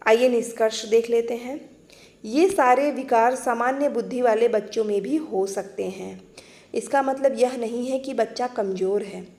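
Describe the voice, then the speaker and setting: A woman teacher explaining exam-prep material in a clear, patient way, restating each point. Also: fairly high pitch, mellow.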